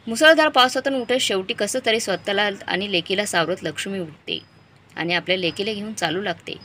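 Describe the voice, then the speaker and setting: A woman's voice: mid-range voice, a little fast, sharp tone. A woman narrating a dramatic moral story, reading with emotional storytelling.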